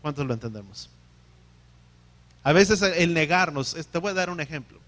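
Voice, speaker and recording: Male preacher, high voice, teaching sermon, questions to the congregation. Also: animated, moderate pace, fairly bright tone. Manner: teaching, asks the congregation questions, restarts and corrects himself.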